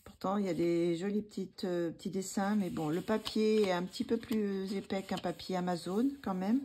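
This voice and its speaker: A woman's voice: medium pitch, fairly even intonation, normal speed, dark tone, a little hiss or hum. A woman vlogger chatting casually about her coloring books, hesitating often with fillers and restarts. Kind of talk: casual chat.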